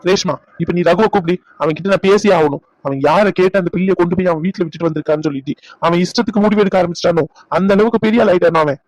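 Man playing a fiery cartoon patriarch, high-pitched and rapid-fire, scolding, dry studio sound. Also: no room sound, close to an everyday voice, low-quality recording. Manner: shouting, scolding. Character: stern angry old father, head of the house. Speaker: voice actor. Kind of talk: cartoon dub acting.

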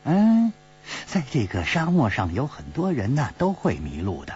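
A man's voice: mid-range voice, huge pitch swings, normal speed, darkish tone, faint music behind. A man voicing a sly, mock-polite warrior captor, in pingshu storytelling style. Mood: sly mockery. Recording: dull lo-fi recording with mains hum.

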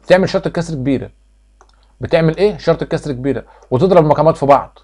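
At a rapid pace, a math teacher with an Egyptian accent works through review material in a voice a little mellow and somewhat high for a man. He poses questions, responds to them on his own, and repeats the steps like drills.

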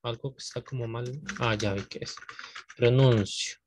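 A man's voice: mid-range voice, fairly even intonation, fairly quick, slight background noise. A man teaching an English grammar class, patiently repeating the rules and checking that his students follow.

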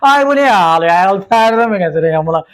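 A woman putting on the voice of a brash, tipsy-sounding woman who mocks a crying guest, shrill and slurring. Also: animated, brisk, lightly acted. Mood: scornful.

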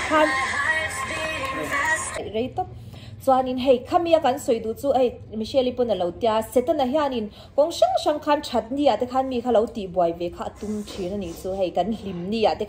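A young woman, one half of a married couple, vlogs casually about her wedding, chatty and rambling and often laughing mid-sentence. Her fairly high voice is warm, with a little hiss or hum in the background.

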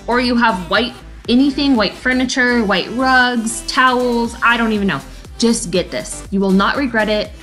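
Woman, thirties, chatty voice-over, enthusiastic, slightly high voice, light music behind. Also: a bit bright. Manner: chatty and enthusiastic, laughs often. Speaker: cleaning vlogger. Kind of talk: voice-over narration. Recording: faint background music.

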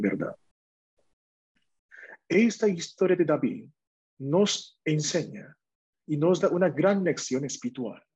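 A man preaching a sermon in a church, reading Bible verses slowly and deliberately. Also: mid-range voice, breathy edge. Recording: dull, lo-fi dry recording.

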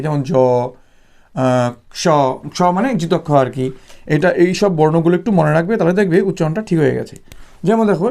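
A man from West Bengal teaches a Sanskrit grammar lesson. His voice sits a little high for a man, with a gravelly, fry-laden edge. He explains patiently, repeats himself, fills pauses with "ah", and slows right down to spell out each example. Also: mellow. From West Bengal, India. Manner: patient, repetitive explaining with frequent "ah" fillers. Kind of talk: exam-prep grammar lesson.

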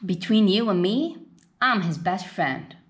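Reading a children's picture book aloud, this storybook reader uses a mid-range voice at a slightly slow pace and tells the story expressively.

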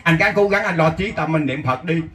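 Southern vietnamese guy preaching, fairly high voice, storytelling, chants verses, echoey and far from the mic. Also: fairly quick, fairly bright tone. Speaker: lay Buddhist preacher. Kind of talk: folksy sermon to a gathering. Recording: echoey, distant mic, faint hiss.

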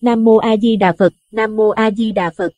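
A man's voice: sits high, fairly even intonation, moderate pace, darkish tone, no room sound, lo-fi sound, voice pushed up, close to an everyday voice. A man voicing a terrified middle-aged village wife, pleading and chanting in panic. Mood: chanting in terror.

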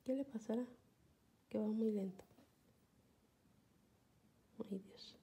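A woman's voice: medium pitch, slow pace, mellow. A woman vlogger giving a casual, chatty tutorial from her home, checking in with her viewers often as she films with a phone camera. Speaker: couponing vlogger. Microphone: phone camera filming a phone screen, off screen.

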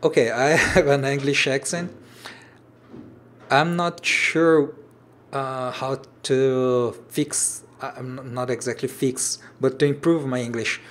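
He speaks slowly at a medium pitch, with fairly even intonation, a fairly bright tone and a little hiss or hum. The man, in his thirties, designs origami and hosts a casual livestream from a shelved room at home, reading viewer comments. His Brazilian Portuguese accent shows, and he hesitantly restarts phrases while searching for English words.

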